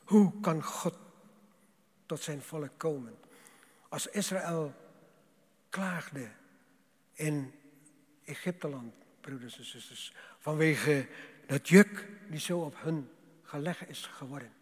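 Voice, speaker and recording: Man preaching, roots, husky voice, slow and passionate, loud swells and whispered drops. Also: on the high side. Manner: slow, deliberate, repeats "broeders en zusters". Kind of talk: sermon. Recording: long hall reverb.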